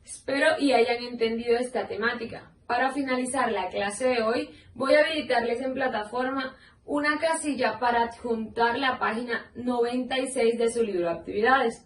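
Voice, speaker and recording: A woman's voice: fairly high pitch, moderate pace, distant mic, a little hiss or hum. Woman teacher in an echoey room. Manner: explains step by step, asking the class questions. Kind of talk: recorded online grammar lesson. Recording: echoey room, voice slightly off-mic.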